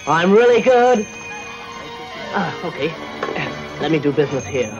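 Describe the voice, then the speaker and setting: High-pitched cocky old beggar. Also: male voice, big pitch swings, a little slow. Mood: hawking. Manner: boastful, persuasive, chuckling hawker. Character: cocky, cheerful old beggar fortune-teller. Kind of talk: dubbed martial arts film acting. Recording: muffled old film dub with music.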